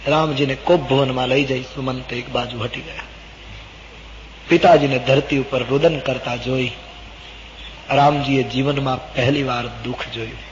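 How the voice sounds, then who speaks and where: A man's voice: mid-range voice, steady tone, moderate pace, a little hiss or hum. A man preaching a devotional story in a large hall, dramatically acting out each character's lines. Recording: dull old recording in a reverberant hall.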